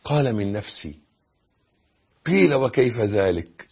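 A man's voice: lowish voice, sing-song, a little slow, vocal fry, slightly rough. A man with an Egyptian Arabic accent giving a religious lesson as a preacher, stressing key phrases emphatically. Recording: dull lo-fi lecture recording.

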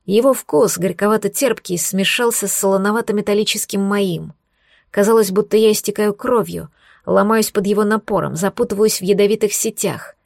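A woman reading a first-person romance audiobook aloud in a steady, even storytelling manner. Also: mid-range voice, fairly quick, vocal fry, dry recording, studio quality. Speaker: audiobook narrator. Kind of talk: first-person scripted narration.

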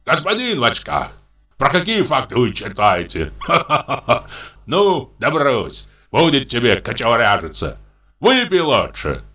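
A rowdy drunken brute in a mask, bellowing and jeering, his voice lively and bright as it swings around, as a man reading the story puts him on. He mocks everyone with booming laughs. A storybook bully through and through. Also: unhurried, soft background music, full character voice. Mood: jeering swagger. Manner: boisterous, mocking, laughs loudly. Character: drunken swaggering masked man, rude and jeering.

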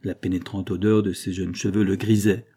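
A man narrating a classic novel for an audiobook in a measured, even reading. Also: sits low.

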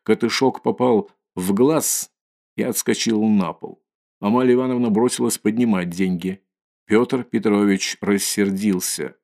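A man narrating a classic novel in a measured, even reading. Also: lowish voice, gravelly. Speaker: audiobook narrator. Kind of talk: scripted narration.

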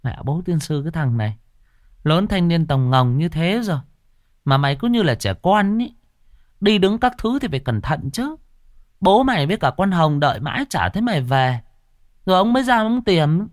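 A man voicing a nagging middle-aged village mother in a shrill, raised voice. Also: very animated, moderate pace, dry recording, studio quality. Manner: shrill, nagging, high-pitched.

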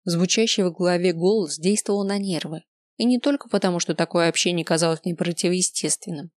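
A woman narrating a first-person novel in an expressive, lively storytelling manner. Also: lowish voice, a little fast, dry recording, studio quality. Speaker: audiobook narrator.

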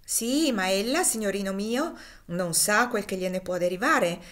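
A woman reader puts on a cruel male slave owner from a classic novel. He sneers and threatens in a loud, pushed voice pitched a little higher than her own reading. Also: unhurried, lightly acted. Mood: taunting. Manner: taunting, loud and menacing.

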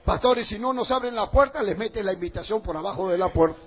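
A man preaching a sermon as pastor, fervent, dropping to quiet asides and rising to shouts. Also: sits high, fast, breathy edge, highs cut off.

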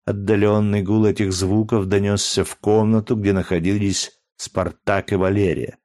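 A male audiobook narrator reads a historical novel in a measured, dramatic way. His voice is on the low side and the recording is dry, with no room sound. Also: level tone, a little mellow, no echo.

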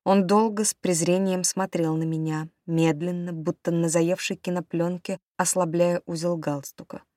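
A woman reading a novel aloud in the first person, as a steady audiobook narrator. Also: on the low side, moderate pace, no echo, clean studio sound.

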